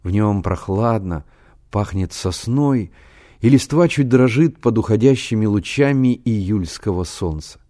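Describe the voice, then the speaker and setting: A man reading a novel aloud as an audiobook narrator, calm and unhurried. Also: fairly low pitch.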